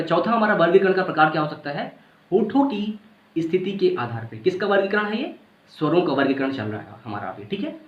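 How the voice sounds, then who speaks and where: A male teacher giving a casual grammar lesson, sounding out vowels aloud and checking that the class follows. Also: sits high. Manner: casual, repeats points, checks understanding. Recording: echoey room, dull lo-fi sound.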